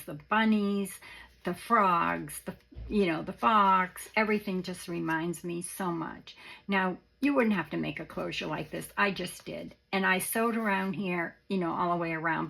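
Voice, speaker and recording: Raspy, creaky woman crafter, voice giving out. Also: lowish voice, a bit bright, slight background noise, poor audio. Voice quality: raspy, worn voice. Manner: halting, rambling, informal. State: voice starting to go after illness. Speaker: craft video presenter. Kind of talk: casual show-and-tell of a handmade journal.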